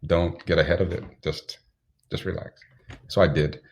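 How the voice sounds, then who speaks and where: Very deep gravelly man from Zambia. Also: level tone, a little mellow, lo-fi sound. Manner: unhurried, anecdotal, chuckles while telling stories. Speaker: guest. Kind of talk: reflective storytelling in an interview.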